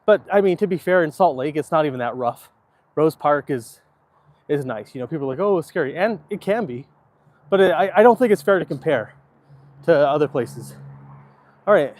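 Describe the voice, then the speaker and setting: A man's voice: fairly high pitch, animated, normal speed, long pauses, darkish tone, dry recording. A middle-aged American man chatting casually and easygoing on a live stream while walking, answering viewer comments. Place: outdoors on city streets, walking. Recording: outdoor background noise while walking. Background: outdoor ambient noise.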